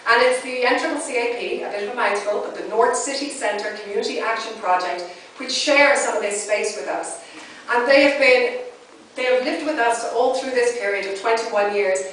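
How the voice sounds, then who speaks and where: A woman's voice: a little high, normal speed, a bit bright. A woman giving a chatty, self-deprecating thank-you speech to an audience, laughing often. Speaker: arts centre director giving a speech. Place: large echoey room, in front of an audience. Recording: very echoey, distant, faint room noise.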